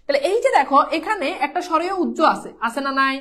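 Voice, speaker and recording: Her voice is high, a little bright and expressive, and she talks quickly. As a Bangla teacher leading pronunciation practice, she keeps repeating points and coaxing students to confirm they follow.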